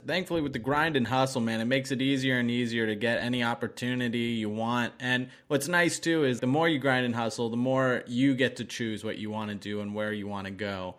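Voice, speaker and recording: A man with an average-pitched voice interviews someone in a casual, conversational style. He sounds upbeat and encouraging. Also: fairly even intonation, fairly quick, few pauses, fairly bright tone. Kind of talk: casual chat.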